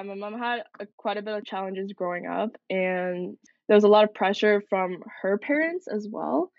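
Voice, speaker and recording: A young Canadian woman, a military cadet, answers interview questions earnestly and reflectively. Her voice is medium in pitch, and the audio is dull with no echo.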